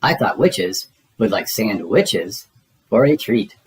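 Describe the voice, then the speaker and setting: A man reading a storybook, voicing a gruff, contrary, teasing grouch monster who lives in a trash can. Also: lowish voice, sing-song, slow pace. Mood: sly, teasing.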